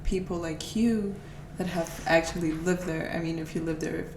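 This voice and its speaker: Low-pitched and darkish, this podcast host from Portugal keeps a steady tone at normal speed. She muses reflectively during a casual interview conversation, captured in a distant, echoey, noisy recording.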